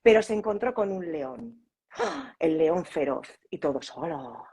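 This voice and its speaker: A woman co-hosting a casual chat about storytelling, a lively storyteller who keeps adding tag questions. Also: on the low side, normal speed, breathy edge. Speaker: co-host.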